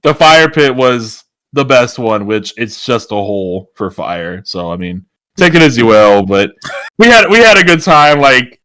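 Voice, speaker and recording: A man's voice: mid-range voice, very animated, unhurried, bright, forceful tone, clear, resonant tone, dry recording. Laid-back man telling a story. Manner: laughs often, loose storytelling. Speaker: podcast co-host. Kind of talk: casual chat.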